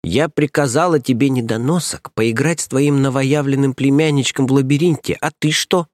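A man voicing a coarse, scheming stout nursemaid woman who scolds and sneers in a raised, shrill voice. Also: steady tone, moderate pace, dry recording, studio quality, natural voice. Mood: scolding. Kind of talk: audiobook character voice.

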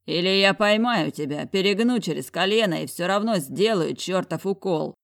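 A woman's voice: lowish voice, lively intonation, moderate pace, gravelly. A brash, mocking man of great size and money, coarse and bossy in every word, voiced by a woman. He talks down with cocky humor, pushing his way through each scene of an audiobook. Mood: bossy teasing. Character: huge mocking billionaire boss, brash man. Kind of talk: audiobook character voicing.

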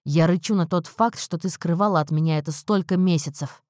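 A woman voicing a furious young man who growls and shouts, in an audiobook. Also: sits low, normal speed, dry recording, clean studio sound. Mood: growling. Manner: growling, shouting through clenched teeth.

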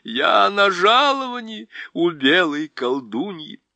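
A man's voice: very animated, slow, vocal fry, pushed and bright, dry recording, exaggerated voice. A man voicing a weepy, guilt-ridden male faun in a storybook reading, sobbing and pleading. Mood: guilty lament. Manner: sobbing, pleading, high-strung.

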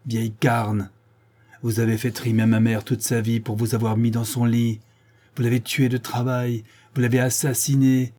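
A man's voice: medium pitch, level tone, moderate pace, mellow, close to an everyday voice. A man reading a furious farmer's daughter. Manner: ranting, insulting.

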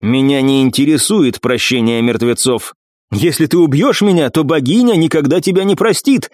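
A man voicing a cold, composed young woman senator-warrior in an audiobook, speaking calmly with curt, grim irony. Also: medium pitch, moderate pace, no room sound, studio quality, natural voice. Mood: cool. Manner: calm, curt, grimly ironic. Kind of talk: audiobook character voice.

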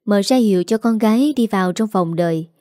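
Mellow woman narrating a story. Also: medium pitch, fairly quick, no room sound, clean studio sound.

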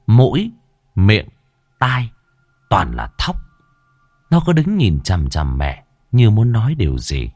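A man narrating a village horror story in a dramatic, expressive storytelling manner. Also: fairly low pitch, slow, pauses often, dry recording.

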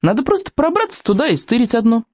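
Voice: medium pitch, sing-song, quick pace, a little mellow, no echo, studio quality, voice pushed up. A reader voicing a bold, reckless young girl who talks in a brash, breezy way.

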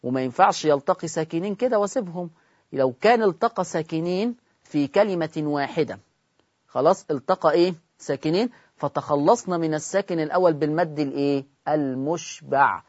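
A man with an Egyptian accent teaching Quran recitation in a broadcast lesson, asking his listeners questions and answering them himself, and drawing out words slowly to demonstrate them. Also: a little high, dry recording. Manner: demonstrates recitation in slow drawn-out sounds. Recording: dull lo-fi broadcast audio.

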